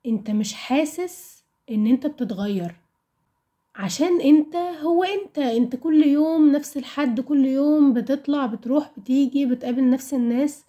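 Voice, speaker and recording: A young woman around twenty speaks Arabic with an Egyptian accent. Her voice sits a little high, with a warm, relaxed tone. She talks like someone casually sharing personal reflections with listeners, candid and conversational, often putting questions to herself. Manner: candid, conversational, asks rhetorical questions and answers them.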